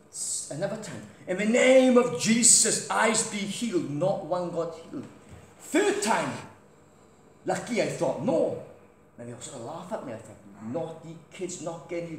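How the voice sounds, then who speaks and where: A middle-aged British guest preacher delivers a loud, crusade-style sermon full of stories, walking about a large church hall while a distant camera records him without a mic. His voice is on the high side, and the hall is echoey with faint noise.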